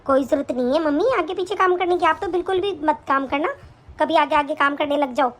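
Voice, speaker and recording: A woman voicing a spoiled, quarrelsome young married daughter in an animated story, talking in a whiny, complaining, defiant way. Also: high-pitched, a little fast.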